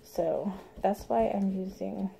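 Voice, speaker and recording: A young woman chatting casually while she paints a craft project, rambling and laughing often, sometimes dropping to a soft murmur. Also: mid-range voice, takes it slowly, gravelly, very noisy. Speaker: craft vlogger.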